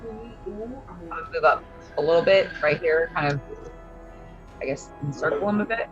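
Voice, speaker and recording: A woman's voice: lowish voice, moderate pace, dull audio, music in the background. A woman playing a tabletop game, talking casually through her turn.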